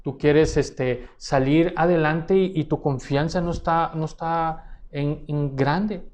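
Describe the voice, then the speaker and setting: Guy preaching, earnest, kinda high voice, keeps repeating words. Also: steady tone, slow, a little mellow. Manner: earnest, repeats words while searching for phrasing. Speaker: pastor. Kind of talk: sermon.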